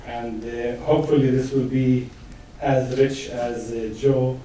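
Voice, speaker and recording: A middle-aged man from Israel with a Palestinian Arabic accent gives an academic lecture, pausing often with fillers and restarts. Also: medium pitch, fairly even intonation, mellow, slight background noise. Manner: hesitant, many fillers and restarts. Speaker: guest lecturer. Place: large lecture room. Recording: echoey hall, mic far off.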